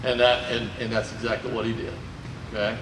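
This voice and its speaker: A middle-aged museum volunteer from Indiana, USA gives a folksy, chatty history talk in a large indoor museum hall, checking in with "okay?" as he speaks. His mid-range voice is brisk, level and fairly bright, coming through a loosely held handheld mic and recorded from far off in the echoey hall, with slight background noise.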